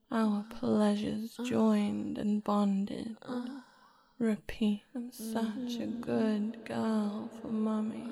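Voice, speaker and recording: A woman doing an intimate ASMR role-play close to the ear, breathy, soothing and hypnotic in her coaxing. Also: mid-range voice, mellow. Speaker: adult audio performer.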